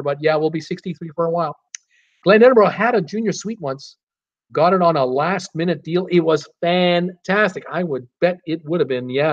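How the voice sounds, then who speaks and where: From a temporary home setup in a city, a man with a slightly high voice hosts a live cruise Q&A stream, reading viewer comments and chat names aloud. He replies in a chatty, easygoing way with lots of "uh"s, and the live-stream audio sounds dull and lo-fi.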